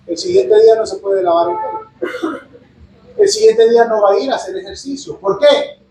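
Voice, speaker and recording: A pastor with a fairly high voice talks his way through a sermon in a relaxed, chatty manner. He keeps checking in with his listeners and drops in light, humorous asides. The sound is roomy and echoey, as in a church hall. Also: moderate pace. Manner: chatty, often asks "¿verdad?" and adds humorous asides. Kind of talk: conversational sermon with Bible reading.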